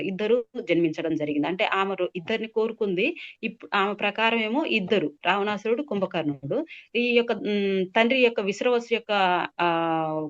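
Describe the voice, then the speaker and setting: A woman telling a devotional epic story, explaining words as she goes and pausing with many fillers. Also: medium pitch. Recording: dull lo-fi sound.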